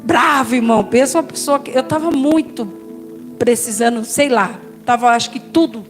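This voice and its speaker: A Brazilian woman pastor giving a personal testimony, telling her story in a lively way and addressing the listeners as brothers and sisters. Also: fairly high pitch, moderate pace, soft background music. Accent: Brazilian Portuguese.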